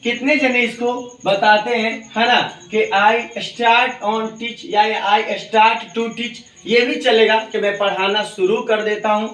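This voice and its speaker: A man's voice: high voice, flat delivery, takes it slowly, few pauses, fairly bright tone. A man teaching an English grammar lesson, drilling example sentences over and over and calling his students his dear children. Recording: echoey room, voice from far off.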